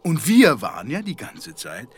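An actor playing a young stranger who teases and taunts in a radio drama, with a playful, mocking manner. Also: male voice, mid-range voice, wildly swooping pitch, normal speed, husky. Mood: teasing. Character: smooth teasing young stranger.

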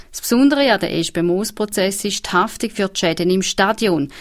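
A woman with a Swiss accent reading regional radio news in a studio, steady and measured. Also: on the low side. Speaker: newsreader.

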